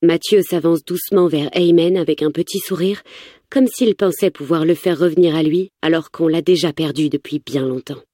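A woman's voice: low voice, normal speed, mellow, no room sound, clean studio sound. A woman narrating a first-person story with tense, urgent delivery.

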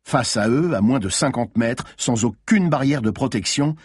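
A man's voice: mid-range voice, animated, moderate pace, husky, dry recording, clean studio sound. A man reading a thriller audiobook aloud with tense, dramatic narration.

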